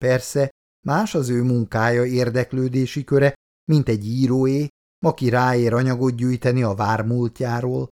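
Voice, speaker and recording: A man reading a story aloud, voicing an eager, cheerful young woman in raised girlish tones. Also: close to an everyday voice. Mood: surprised. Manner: excited, high-pitched girlish lines. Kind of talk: read-aloud story dialogue.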